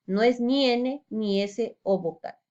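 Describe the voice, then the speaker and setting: A woman's voice: on the high side, slow, a little mellow, lo-fi sound. Patient woman teaching a spelling lesson. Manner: patient, explains step by step with rhetorical questions.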